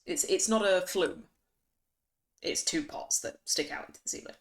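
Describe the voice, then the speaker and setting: Low-voiced woman game master. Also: big pitch swings, moderate pace, in a whisper. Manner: hesitant, descriptive, with fillers. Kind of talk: describing scenes in a tabletop game.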